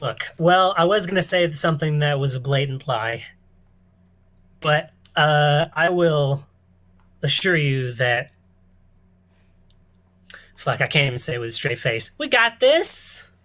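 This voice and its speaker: Brief: unhurried, halting tabletop player, jokey asides, casual table talk. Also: mid-range voice, fairly bright tone. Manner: hesitant, full of joking asides. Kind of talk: casual tabletop game chat.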